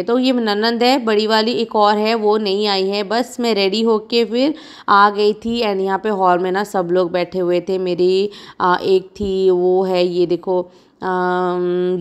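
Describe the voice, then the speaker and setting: A woman in her thirties from India, a vlogging mother chatting frankly and rambling as she talks over her own footage. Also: medium pitch. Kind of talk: casual chat narrating vlog footage.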